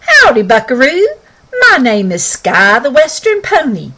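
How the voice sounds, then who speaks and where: A woman's voice: high voice, sing-song, unhurried, bright, forceful tone, slight background noise, voice pushed up, heavily acted. A woman voicing a folksy young male cowboy pony in a storybook, with a drawling western manner of talk. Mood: friendly.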